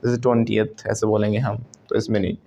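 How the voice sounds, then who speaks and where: A man's voice: mid-range voice, normal speed, slight background noise. A man with an Indian accent teaching spoken English to a class, joking and drilling words over and over. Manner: animated, jokey, drills words by repeating them. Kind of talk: classroom lesson. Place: classroom with students. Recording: dull classroom recording with crowd. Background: students laughing.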